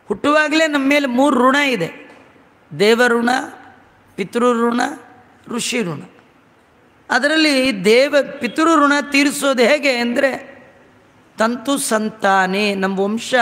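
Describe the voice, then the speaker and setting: A man giving a religious discourse, slowly chanting verses and explaining them with homely humor. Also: very high-pitched, a bit bright, big-room sound.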